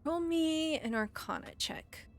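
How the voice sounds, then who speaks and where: A woman's voice: sits high, expressive, unhurried, slight background noise. A woman narrating a tabletop roleplaying game as game master, with descriptive, suspenseful storytelling.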